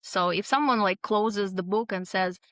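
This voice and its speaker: In a casual interview, a hesitant female author answers with plenty of fillers and restarts. Her medium-pitched voice is fairly bright, at a moderate pace, recorded very dry with no echo. She is originally from abroad and immigrated at roughly twenty-two.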